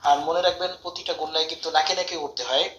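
A man teaching tajweed, spelling out Arabic letters syllable by syllable and chanting verses slowly. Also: a little high, steady tone, a bit bright. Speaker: Quran recitation teacher. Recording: roomy echo, dull lo-fi sound.

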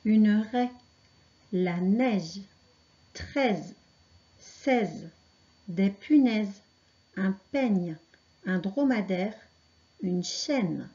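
A woman teaching children to read, pronouncing syllables and words slowly and carefully. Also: mid-range voice, expressive, dark tone, lo-fi sound. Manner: slow, carefully articulated dictation. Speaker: reading teacher. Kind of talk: slow reading lesson for children.

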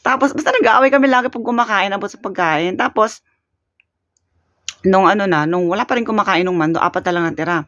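A woman's voice: mid-range voice, big pitch swings, fairly quick, pauses often, fairly bright tone, no room sound. Woman from the Philippines, casual vlog chat, laughs often, muffled dry sound. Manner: chatty, laughs often, trails off with fillers. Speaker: vlogger. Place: home in Korea.

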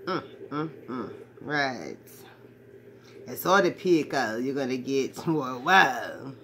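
A woman performs a heavily acted comedic monologue as a brash, crude man in his forties, a swaggering ladies' man rambling into a phone camera held at arm's length in a small, cluttered bedroom. Her voice is extremely low and fairly bright, with lively intonation and a slow pace, over slight background noise.

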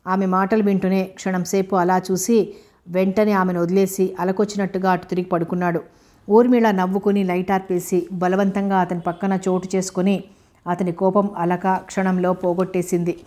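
A woman reading a novel aloud as an audiobook narrator, with steady, even storytelling. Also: fairly low pitch, moderate pace.

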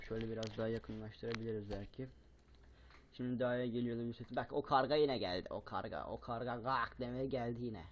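A young man commentating a horror game, swearing a lot, yelling at scares and muttering between them. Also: medium pitch, muffled recording. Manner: swears a lot, panics and yells at scares, then mutters quietly. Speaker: gaming YouTuber.

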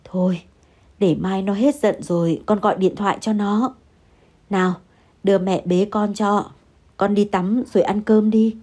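Woman voicing a gentle caring mother. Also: mid-range voice, steady tone, a little slow, natural voice. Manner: gentle, soothing.

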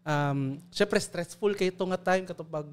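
A young man guest on a casual podcast chat, animated and laughing often. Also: high-pitched, a little hiss or hum. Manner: animated, laughs often, quick agreeing interjections.

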